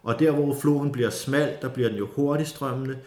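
Man, casual storyteller, lots of fillers, echoey room. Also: medium pitch. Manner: lively storytelling with many fillers and restarts. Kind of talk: casual spoken anecdote. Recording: roomy echo.

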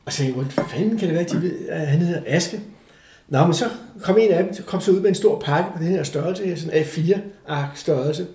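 Casual and animated, an older man with a fairly high-pitched voice tells a story from his own life as part of an easygoing interview. The room echoes, and he acts out the voices of the people he talks about.

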